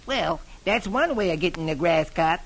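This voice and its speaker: A man's voice: fairly high pitch, lively intonation, moderate pace, a little hiss or hum. A man voicing a sly, cheerful male rabbit trickster in a radio comic reading. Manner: chirpy and bouncy.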